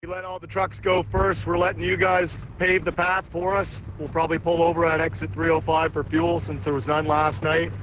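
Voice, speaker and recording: A man's voice: fairly high pitch, a little fast, hardly any pauses. Man on CB radio, muffled, road noise. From Grand Manan, New Brunswick, Canada. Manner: relaxed radio talk with call signs and "over". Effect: CB radio transmission. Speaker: convoy driver and lobster fisherman. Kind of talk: trucker CB radio chatter.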